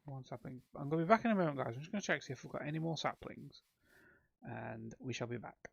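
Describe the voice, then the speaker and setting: Gravelly man narrating his gameplay. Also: mid-range voice, fast talker, highs cut off. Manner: relaxed, rambling, frequent ums and self-corrections. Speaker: let's play host. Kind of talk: casual gameplay commentary.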